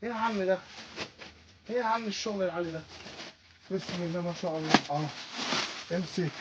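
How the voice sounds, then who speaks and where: A man with an Egyptian accent selling carpets in a casual market-style pitch. He chats away and keeps repeating short phrases the way a street hawker does. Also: fast talker, highs cut off, very noisy. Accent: Egyptian Arabic. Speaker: carpet seller.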